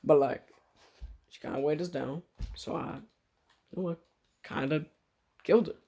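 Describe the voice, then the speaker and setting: A man's voice: on the high side, unhurried, mellow. A man voicing a laid-back, cheerfully callous male genie in an improvised comedic story, with an offhand, shrugging delivery.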